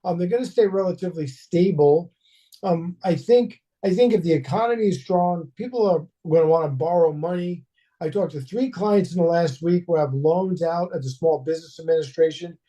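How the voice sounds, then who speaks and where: A man with a fairly high but very dark, mellow voice leads a casual market chat. He asks his co-host questions and drops wry asides between them. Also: moderate pace, highs cut off. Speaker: co-host, financial advisor.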